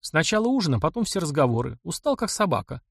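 Man reading a brisk, decisive young man. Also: fairly high pitch, very animated, gravelly, husky, no echo, clean studio sound, exaggerated voice. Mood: firm. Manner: brisk, plain-spoken. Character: young man, decisive and kind, gives orders.

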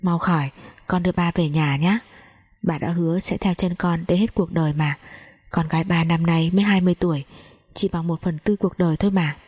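A grief-stricken young heiress pleads in broken, faltering phrases. Her voice is low, dark and husky. A woman storyteller reads her lines. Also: fairly even intonation, brisk, dry recording, studio quality. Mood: pleading.

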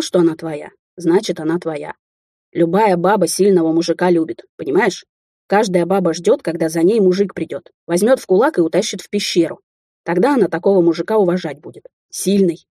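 A blunt, bossy older man delivers a coarse lecture, as a woman reads him in a storybook. The voice is husky, low and dark, recorded dry and close. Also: no echo. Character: gruff older Russian man, blunt taxi driver.

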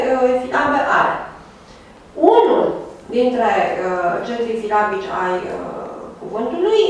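A woman's voice: sits high, a little hiss or hum. Woman lecturing in an echoey hall. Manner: hesitant, frequent uh fillers, checks with "da?". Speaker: university lecturer. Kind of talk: academic lecture. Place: lecture room. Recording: echoey room from far off.

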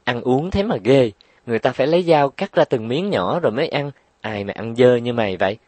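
A man's voice: mid-range voice, expressive, darkish tone, no echo, voice pushed up, natural voice. A man voicing a spoiled little girl who whines and snaps back sassily. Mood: sassy. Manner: whining, sassy, quick retorts. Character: bratty, whiny little girl.

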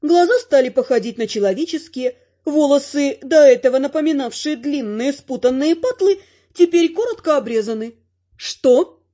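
A woman's voice: sits high, expressive, moderate pace, few pauses, warm tone, lo-fi sound. A woman narrating a first-person fantasy audiobook in a wry, ironic manner, voicing the dialogue herself.

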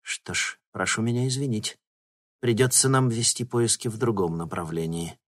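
A man's voice: fairly low pitch, moderate pace, close to an everyday voice. A man playing a polite, guarded company president who turns worried, in an audiobook.

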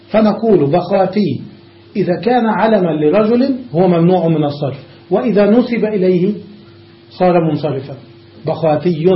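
A man teaching a classroom grammar lesson, explaining step by step and often stopping to check that his students follow. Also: high-pitched. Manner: explains step by step, checks understanding with repeated questions. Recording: dull echoey classroom recording.

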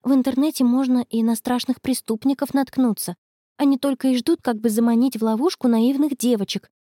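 A woman's voice: a little high, fairly even intonation, brisk, warm tone, no echo, studio quality, close to an everyday voice. Dina, a woman reading a cautious young schoolgirl. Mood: earnest.

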